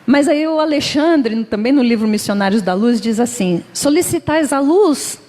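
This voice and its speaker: A middle-aged woman with a Brazilian Portuguese accent, speaking at a moderate pace in a voice on the high side with a dark tone, gives an informal religious lecture as a guest speaker at a Spiritist center. She is chatty, laughs often and acts out little everyday dialogues. The lecture hall adds long reverb.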